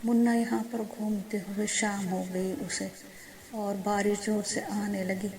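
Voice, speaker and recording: A woman narrating a children's story slowly and gently, speaking to the children. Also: medium pitch, level tone. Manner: slow, gentle, addressing children.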